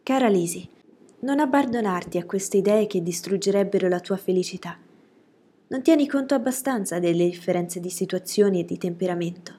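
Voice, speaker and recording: A woman voicing a gentle young woman, a sweet and forgiving elder sister, speaking earnestly in a slightly raised voice. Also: mid-range voice, fairly quick, husky, close to an everyday voice. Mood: soothing.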